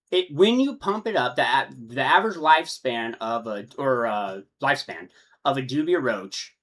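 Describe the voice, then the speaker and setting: A man's voice: medium pitch, a bit bright. A man with a Texan accent explaining insect care in a casual, rambling way, often correcting himself mid-sentence. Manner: rambling, self-correcting, conversational. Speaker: insect breeder. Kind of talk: casual instructional talk. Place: his room with his insects.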